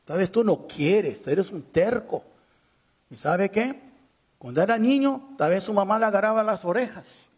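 A pastor preaching a sermon to his congregation, pressing his points hard, then dropping to low, quiet warnings. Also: husky. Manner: emphatic, swinging from raised insistence to low, quiet warnings. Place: church, speaking to a congregation.

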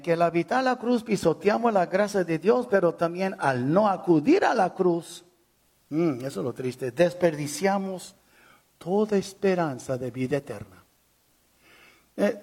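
A man with a slightly high, husky voice preaches to a church congregation. He drives his points with rising insistence, then sinks to hushed, grave warnings. His delivery is urgent and pleading. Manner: emphatic, swinging from raised insistence to low, quiet warnings. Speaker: pastor. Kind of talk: sermon.

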